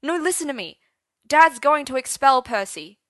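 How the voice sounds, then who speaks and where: Anxious schoolboy, voiced by a woman: high, tense, panicky pleading. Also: brisk, bright, forceful tone, breathy edge. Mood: panicked. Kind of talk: audiobook character voice.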